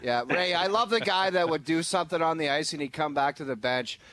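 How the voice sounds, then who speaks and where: Man, sports radio host with a higher voice, ranting and mocking. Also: brisk, pushed and bright. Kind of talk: casual sports radio chat.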